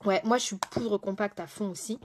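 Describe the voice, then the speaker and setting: A woman makeup artist hosts a live makeup session in a loose, chatty way. She talks to her viewers directly, picks up their comments as she goes, and often trails off or hesitates mid-thought. Her voice sits at an ordinary middle pitch. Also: moderate pace, slight background noise. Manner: frequent fillers and trailing off mid-sentence.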